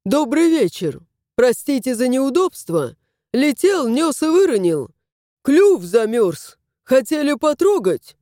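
A woman's voice: sits high, big pitch swings, takes it slowly, dark tone, no room sound, clean studio sound, voice pushed up, full character voice. A woman voicing a polite, anxious male stork messenger who talks in fussy exclamations, for a fairy-tale audiobook.

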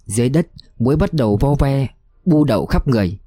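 A man narrating a war novel in a somber, steady reading voice. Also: mid-range voice, quick pace, dry recording, studio quality, soft background music. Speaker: audiobook narrator.

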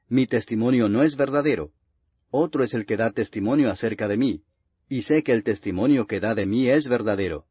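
This is a scripted Bible narration read by a man in a grave, solemn and declamatory way. He has a lowish, husky voice, captured in muffled, reverberant lo-fi audio.

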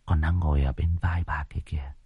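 A man voicing a cold, calm young man who sees ghosts and speaks quietly, in a horror audiobook. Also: extremely low pitch, fairly quick, lo-fi sound, a little hiss or hum, voice pushed down.

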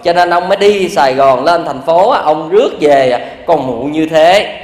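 A man's voice: expressive, a little slow. A man with a Southern Vietnamese accent voicing a jealous country wife who wails and accuses. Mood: jealous, wailing. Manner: shrill, accusing, complaining. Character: jealous wailing country wife, middle-aged. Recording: echoey hall reverb.

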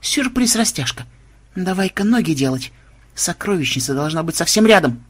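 A man's voice: sits high, expressive, moderate pace, breathy edge, dry recording, voice pushed up. A man voicing a cunning, bossy young woman rogue in a storybook, speaking curtly and wryly. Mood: brisk, commanding. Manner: curt, commanding, wry.

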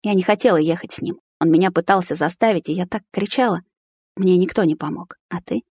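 A woman's voice: lowish voice, a little fast, darkish tone, slightly rough, no room sound. A woman narrating a first-person audiobook in an emotional, confessional tone, close to the mic.

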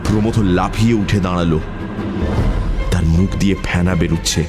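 A man narrating an audiobook story in a measured storytelling manner. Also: sits low. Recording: music bed under voice.

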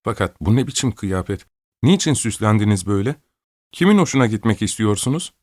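A man's voice: fairly low pitch, very animated, brisk, a little mellow, no room sound, studio quality. A man reading an audiobook, voicing an old, imperious countess who scolds and gives orders. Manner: scolding, commanding, querulous.

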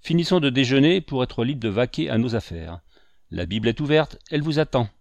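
A man voicing a brisk, commanding older farm wife in an audiobook. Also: medium pitch, lively intonation, creaky, no room sound. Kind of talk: audiobook character voice.

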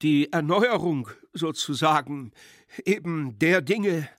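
A man voicing a drunken, pompous elderly general who talks loudly and stammers. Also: on the high side, expressive, takes it slowly, dry recording, studio quality, voice pushed up. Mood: stubborn. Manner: loud, faltering, repeats himself.

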